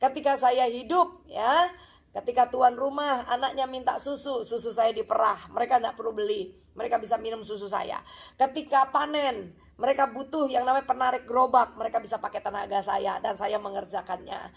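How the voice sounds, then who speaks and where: A woman's voice: fairly high pitch, a little fast, creaky. A woman pastor voicing a blunt, matter-of-fact farm cow in a sermon story. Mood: lecturing.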